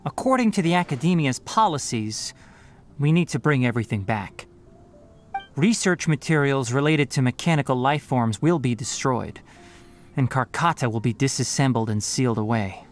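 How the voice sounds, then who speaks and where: A man voicing a brisk, responsible young forest ranger in a fantasy video game, speaking in an articulate, matter-of-fact, instructive way. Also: medium pitch, animated, soft background music, lightly acted. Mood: composed, businesslike.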